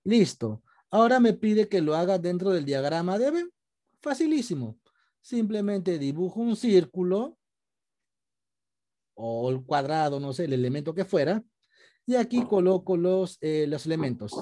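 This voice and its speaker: Male teacher, patient and step-by-step, video call, very animated pitch. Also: a little slow. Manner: patient, explains step by step, asks students questions. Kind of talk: online class lesson.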